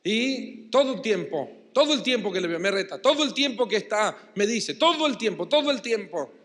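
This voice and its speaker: A pastor from Argentina with a Rioplatense Spanish accent, preaching emphatically and having the congregation repeat and answer. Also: male voice, high-pitched, expressive, normal speed, a bit bright. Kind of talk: sermon. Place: church hall. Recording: long church-hall reverb.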